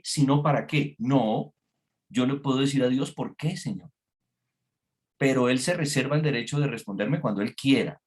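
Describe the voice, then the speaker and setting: A man preaching a sermon to a congregation, engaging them with frequent questions. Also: medium pitch. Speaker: pastor. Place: church before a congregation.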